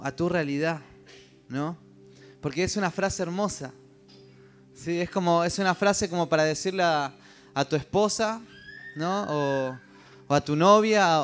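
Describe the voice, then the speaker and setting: A man's voice: on the high side, clean tone. A man with a Rioplatense Spanish accent preaching a sermon, checking in with the listeners through constant tag questions.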